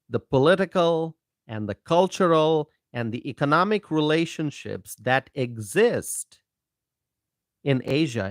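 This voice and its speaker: Slow, emphatic man from Bangladesh. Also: mid-range voice, dry recording, studio quality. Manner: repetitive, emphatic, addresses viewers directly. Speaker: political commentary channel host. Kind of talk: casual monologue to camera.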